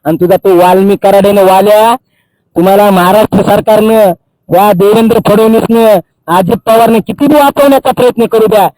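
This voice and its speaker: A man's voice: high voice, fairly even intonation, fairly quick, warm tone, dry recording, rough recording. A man, a social activist delivering an angry, accusing public tirade and repeating phrases for emphasis. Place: outdoors by a Holi fire.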